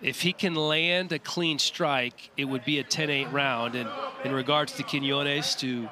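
A man calling a live slap fight as play-by-play commentator, explaining each call in a measured way. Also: medium pitch, steady tone. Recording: broadcast mic with loud crowd behind.

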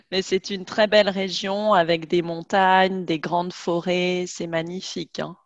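A woman's voice: fairly low pitch, little pitch movement, takes it slowly, no echo, muffled recording. A woman in her forties hosting a casual video call interview on a headset, chatty and laughing often. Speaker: host and French teacher. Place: home room, video call.

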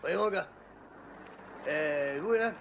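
A gravelly folksy old shopkeeper. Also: male voice, fairly high pitch, lively intonation, slow pace, dull audio, noisy background, heavily acted. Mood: jovial. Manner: folksy, joking. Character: older folksy joking neighborhood shopkeeper man.

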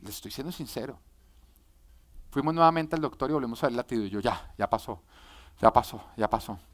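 A young man preaching as a pastor, swinging between loud urgent pleas and quiet, confessional storytelling. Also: medium pitch, expressive, fairly quick. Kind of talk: sermon.

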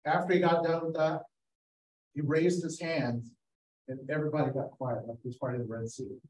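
A man with a somewhat high, slightly mellow voice talks at normal speed with flat delivery. He is a photographer giving a guest slideshow presentation over a video call, full of anecdotes and acted-out quotes. Sitting away from the mic, he sounds distant in a roomy space.

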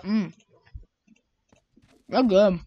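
A woman's voice: mid-range voice, drawn-out words, noisy background. Chatty woman narrating her gameplay, lo-fi mic. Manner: chatty, exasperated running commentary. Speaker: gamer. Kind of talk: gameplay commentary. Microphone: own desk mic. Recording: dull lo-fi home mic.

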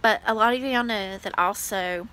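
A woman's voice: medium pitch, moderate pace, bright, forceful tone, slight background noise, rough recording. A woman in her late twenties chatting casually to her vlog viewers, gushing and full of "like" fillers. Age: 20s. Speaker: vlogger. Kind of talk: casual vlog chat to camera.

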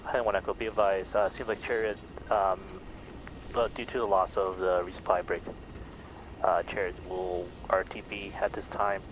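Low, flat-voiced man on noisy radio. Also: normal speed, highs cut off. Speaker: military sim pilot on radio. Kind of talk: radio talk in a military simulation game. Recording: noisy game radio chat.

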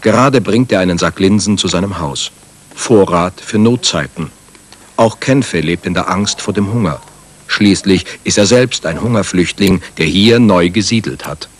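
A man narrates a television documentary in a sober, measured read. His voice sits a little low, recorded clean as a studio voice-over. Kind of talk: scripted narration.

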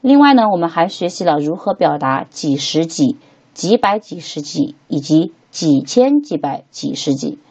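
A woman teaching English to beginners, patiently repeating each word slowly three times as she walks through a textbook lesson. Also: sits low, very animated, a little mellow, slightly rough, highs cut off.

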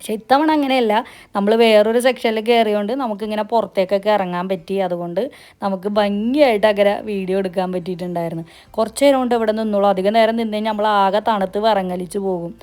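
A woman with a Kerala Malayalam accent narrates a travel vlog in a casual, chatty way. She talks very quickly at an average pitch for a woman. English words are mixed freely into her sentences. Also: fairly even intonation, a little mellow. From Kerala, India. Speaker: travel vlogger.

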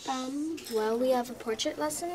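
A woman's voice: sits high, moderate pace. A young girl, a student, answering questions a little hesitantly in a classroom. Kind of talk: casual interview answers. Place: busy classroom. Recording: noisy classroom chatter.

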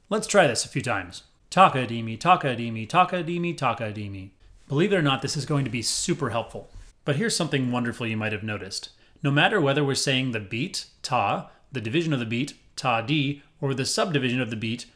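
A man teaching a music lesson, upbeat and clear, counting rhythm syllables aloud in a steady pulse. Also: mid-range voice. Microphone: headphones on, desk recording.

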